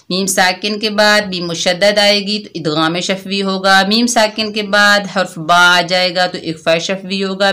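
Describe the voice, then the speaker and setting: A woman teaching an online tajweed lesson, patiently explaining recitation rules step by step and reciting example words slowly. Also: lowish voice, sharp tone.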